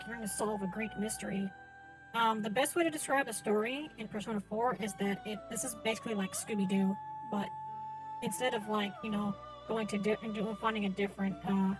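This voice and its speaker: A woman's voice: medium pitch, low-quality recording. A woman doing casual live commentary as she plays a game, hesitant and thinking aloud. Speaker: game streamer. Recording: game music behind voice. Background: game music.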